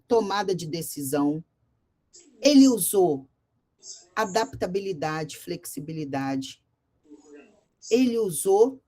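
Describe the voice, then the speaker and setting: A Brazilian woman teaches a class, telling a story and tossing questions at her students with a lively, direct manner. Her voice sits a little low, with a dark, mellow tone and a slightly husky edge. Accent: Brazilian Portuguese.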